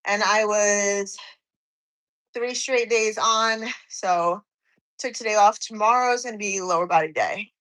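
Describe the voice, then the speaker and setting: A woman's voice: mid-range voice, unhurried, a bit bright, low-quality recording. A woman in her forties, slightly out of breath from cardio, chatting on a live stream and reading viewers' comments aloud. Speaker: fitness streamer.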